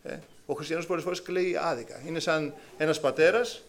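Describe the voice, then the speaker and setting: Preaching to his congregation in a voice on the high side, this man is animated, performing the voices of biblical people with abrupt rises and falls.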